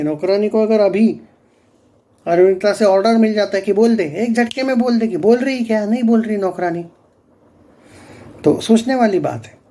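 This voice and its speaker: A man's voice: high-pitched, warm tone. A young man giving blunt, argumentative opinions to his viewers in a casual vlog. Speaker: YouTube reviewer.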